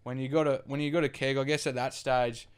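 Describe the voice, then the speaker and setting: A man's voice: medium pitch, little pitch movement, fairly quick, smooth. A young man with an Australian accent, telling his brewing story in a rambling, casual way and swearing now and then. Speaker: brewery co-founder guest.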